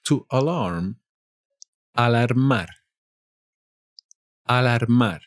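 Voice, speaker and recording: A man from Spain with a Spanish accent, teaching vocabulary in a slow lesson and saying each word twice. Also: mid-range voice, no echo, clean studio sound.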